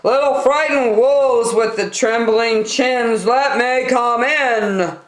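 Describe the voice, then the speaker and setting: A woman's voice: on the high side, slow, pitched above the performer's own voice. A woman voicing a menacing, blustering big bad male pig from a storybook, with emphatic threats. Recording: roomy home recording.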